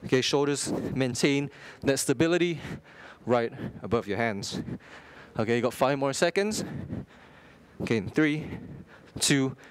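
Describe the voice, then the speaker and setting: A young man instructing a workout, energetic, talking in short clipped cues and counts with frequent okays while exercising. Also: mid-range voice, unhurried, clean tone, no room sound. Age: young adult. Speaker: fitness instructor.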